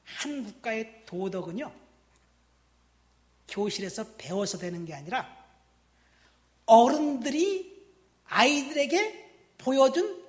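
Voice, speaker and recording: A woman in her fifties from Busan, a pastor preaching a sermon, stressing words loudly and then dropping to quiet asides while asking the congregation questions. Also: on the high side, lively intonation, slow, pauses often. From Busan, South Korea. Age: 50s. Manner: addresses the congregation directly with questions.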